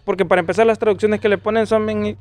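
A man's voice: high voice, steady tone, quick pace, darkish tone, no echo. A young man, chatting casually with friends and joking with crude slang. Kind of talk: casual chat among friends.

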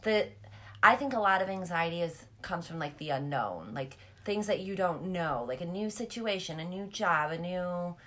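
Casual female chat voice, lowish, lisping, with vocal fry; candid and self-deprecating. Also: lively intonation, normal speed, sharp tone. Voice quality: lisp.

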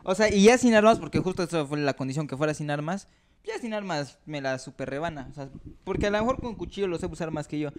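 A young man, excitable and swearing freely in casual comedy podcast chat. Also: on the high side, fast talker. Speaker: podcast co-host.

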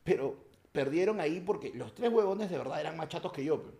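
This is a young man with a Peruvian accent, telling a story casually among friends. His voice sits high and swings widely as he acts out the scene. The room around him is noticeably echoey. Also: brisk, vocal fry. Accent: Peruvian Spanish. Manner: animated, slangy, acts out voices in his anecdotes.

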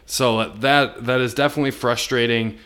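A man's voice: mid-range voice, fairly even intonation, normal speed, fairly bright tone. An American man co-hosting a podcast, chatting casually about sports. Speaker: podcast co-host.

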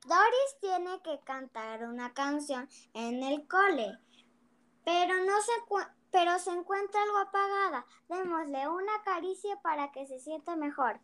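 A child slowly reading a picture book aloud, with small hesitations and restarts. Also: female voice, extremely high pitch, fairly bright tone. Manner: slow, careful reading with little hesitations. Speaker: young storyteller.

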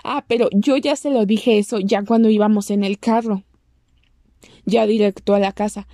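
A woman's voice: fairly even intonation, moderate pace, mellow, no echo, studio quality. A young woman with a Mexican accent telling a personal story to the camera, chatty and acting out what people said. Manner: chatty, acts out quoted lines in a squeaky voice. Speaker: vlogger.

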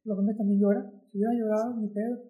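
A woman with a Mexican Spanish accent joining a casual conversation with quick, blunt remarks. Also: medium pitch, little pitch movement, phone-quality sound. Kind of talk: casual chat.

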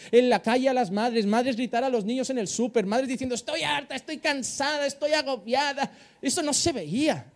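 A male pastor with a Spain Spanish accent, preaching a sermon in an animated way and acting out the voices of the people he quotes. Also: very high-pitched.

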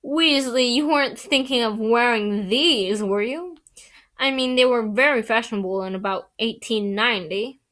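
A woman's voice: a little high, normal speed, fairly bright tone, natural voice. Woman doing a smug sneering schoolboy bully, storybook read-aloud, taunting and mocking. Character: sneering spoiled teenage boy bully.

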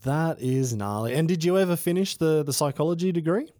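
Relaxed Australian man, dry close sound. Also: on the high side, a little fast, dry recording. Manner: relaxed, rambling, slangy. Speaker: podcast guest, former freestyle motocross rider. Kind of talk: casual conversation.

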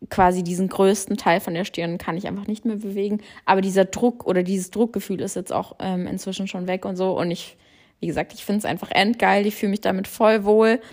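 Her voice is mid-range with a darkish tone: a young woman, Australian-born and German-raised, rambling casually through her solo podcast with lots of filler and scattered English words.

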